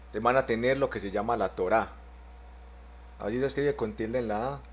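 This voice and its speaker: A man teaching an online Bible class, explaining terms step by step and spelling words out slowly. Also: mid-range voice, slightly rough.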